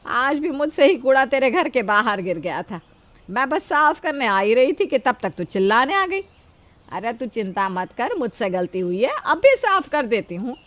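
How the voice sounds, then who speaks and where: A woman's voice: on the high side, sing-song, moderate pace. Woman doing a doting cartoon mother-in-law. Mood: fond. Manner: gently scolding, coaxing. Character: older mother-in-law, protective and soft-hearted. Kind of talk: cartoon voice acting.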